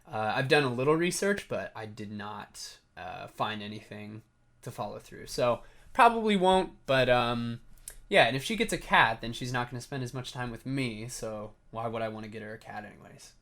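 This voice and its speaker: Answering viewer questions in a casual chat to camera, a young man tells stories with an animated delivery. His slightly scratchy voice is mid-range and fairly bright in tone, moving at a moderate pace.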